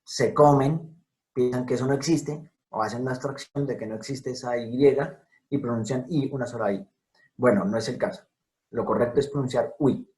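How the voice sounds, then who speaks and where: Over a video call with poor audio, a man gives an explanatory talk over slides about how to pronounce scientific names. His voice is medium-pitched and darkish, moving at a moderate pace as he spells out and repeats every sound with care.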